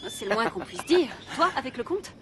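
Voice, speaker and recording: An actress playing a deceitful schemer in a dubbed telenovela, coy and falsely polite. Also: female voice, on the high side, big pitch swings, fairly quick, background noise. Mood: curious, wary. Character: deceitful young female schemer feigning terminal illness.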